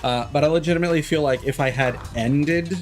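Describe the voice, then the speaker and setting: Speaking fairly quickly in a slightly high voice, a male streamer gives relaxed live commentary as he plays. He muses aloud in candid, offhand remarks while game music runs in the background.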